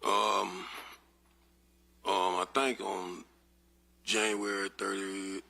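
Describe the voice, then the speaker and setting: A man's voice: deep voice, little pitch movement, extremely slow, gravelly, bright, forceful tone. A man in his fifties testifying as a witness, heard on a distant courtroom recording, giving short, hesitant answers. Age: 50s. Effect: courtroom recording, distant mic.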